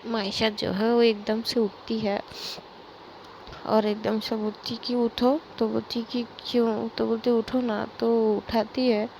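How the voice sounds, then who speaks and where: A woman's voice: a little high, flat delivery, darkish tone, dull audio, slight background noise. A young woman narrating a romance story in a casual, unscripted way. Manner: slow, unscripted, with fillers and restarts.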